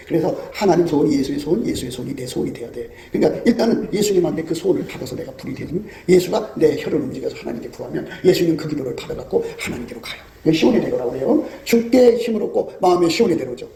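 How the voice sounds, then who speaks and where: High-voiced guy preaching fast, gravelly, keeps laughing and going "eh?" at the crowd, echoey room. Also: a little mellow. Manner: emphatic, prodding listeners with rhetorical "eh?"; laughs often while preaching. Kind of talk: sermon.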